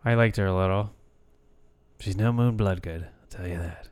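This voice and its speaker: A man's voice: deep voice, normal speed, a little mellow, clear, resonant tone, dry recording. Man, podcast co-host, casual movie talk, musing, dry close sound.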